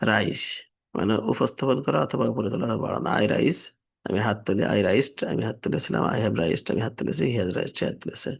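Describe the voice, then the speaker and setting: A man's voice: lowish voice, expressive, fairly quick, vocal fry, breathy edge. A man teaching English vocabulary, steadily reading verb forms and their meanings. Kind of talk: vocabulary lesson, reading word lists with translations.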